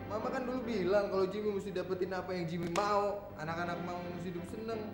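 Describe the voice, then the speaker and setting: Guy doing a spoiled young man, super high voice, whiny then menacing. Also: steady tone, fast talker, music in the background, natural voice. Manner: whiny, sulky, then threatening. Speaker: grown son. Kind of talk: TV drama acting.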